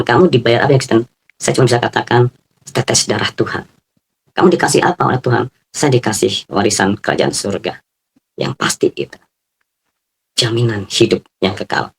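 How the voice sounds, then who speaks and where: Husky guy telling his faith story in an interview, earnest, voice jumps up high when it gets emotional. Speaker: interviewee giving a faith testimony. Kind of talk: emotional personal testimony.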